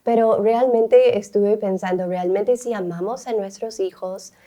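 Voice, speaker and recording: Mellow-voiced woman co-hosting a faith chat. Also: mid-range voice. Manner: warm-hearted, candid, quick to laugh. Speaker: co-host.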